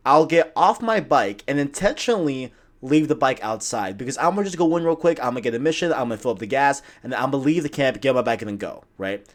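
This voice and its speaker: A man in casual podcast chat about games talks in long, animated runs. He keeps checking in with "right?" and leans on "like" to string his thoughts together. His voice sits mid-range for a man. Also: medium pitch, fast talker, hardly any pauses. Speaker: podcast co-host.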